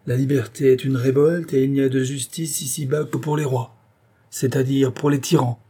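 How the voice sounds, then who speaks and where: A man doing a fiery rough countryman revolutionary. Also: medium pitch, moderate pace, mellow. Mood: indignant. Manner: heated, insistent, hammering rhetorical questions. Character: blunt revolutionary countryman, vehement and proud.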